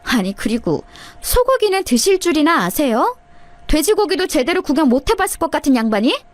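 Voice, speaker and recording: A woman's voice: high voice, big pitch swings, a little fast, voice pushed up. A woman voicing a snide, scheming younger sister-in-law who talks in a mocking, sneering way in a radio-style story.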